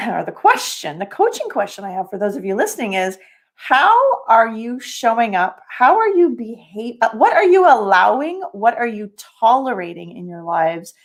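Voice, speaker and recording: A woman's voice: a little high, sing-song, normal speed. A middle-aged woman co-hosting a podcast who coaches others, speaking reflectively with self-deprecating humor. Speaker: podcast co-host and business coach. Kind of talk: casual podcast conversation.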